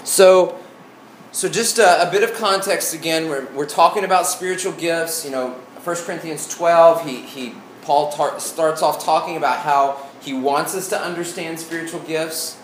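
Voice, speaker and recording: A man with an Arkansas Southern accent teaching an informal sermon as a pastor, folksy and halting, often restarting his phrases. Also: on the high side. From Arkansas, United States. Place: indoor room before a congregation. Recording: echoey room, faint background noise.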